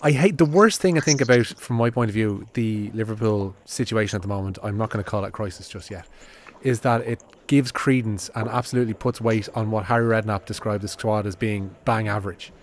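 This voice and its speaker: A man's voice: fairly low pitch, fairly quick, few pauses. A man with a wry, colourful way of talking, discussing football casually as a studio pundit. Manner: wry, colourful turns of phrase. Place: radio studio. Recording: studio with faint background noise.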